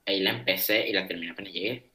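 A man's voice: low voice, racing, sharp tone. A man in a casual group chat about films, enthusiastic and repeating his praise.

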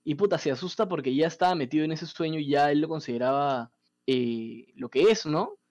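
A man, casually retelling a comic story as a podcast host, animated and profane. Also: on the high side, a little fast, dull audio.

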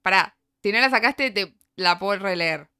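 A young woman with a Rioplatense Spanish accent, playing a film quiz in casual chat with a friend, giggly and animated. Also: mid-range voice, moderate pace, clear, resonant tone. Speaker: quiz player.

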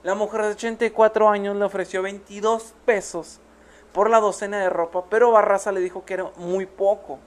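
A woman's voice: mid-range voice, steady tone, fairly quick. A woman with a Mexican accent, co-hosting a true crime podcast, reading the case aloud and breaking off for playful asides. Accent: Mexican Spanish. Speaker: podcast co-host.

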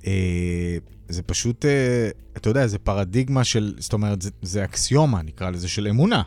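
A man's voice: fairly low pitch, lively intonation, darkish tone. A man hosting a panel discussion, talking casually with hesitant fillers. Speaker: host.

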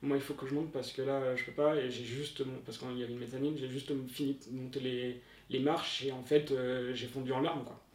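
A man in his thirties, a former salesman recounting a painful experience in a halting, emotional way, his voice swelling and dropping. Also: medium pitch, flat delivery, a little mellow. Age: 30s. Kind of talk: testimony to camera. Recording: echoey room, mic at a distance.

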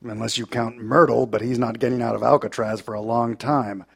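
An actor playing a tough, menacing 1930s American adventurer with a gruff, hard-boiled manner in a live audio drama. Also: male voice, mid-range voice, steady tone, brisk.

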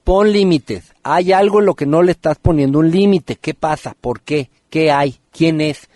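A man's voice: on the high side, measured pace, a little mellow, no echo. A man hosting a radio podcast, giving live numerology readings and firing teasing questions at listeners by name.

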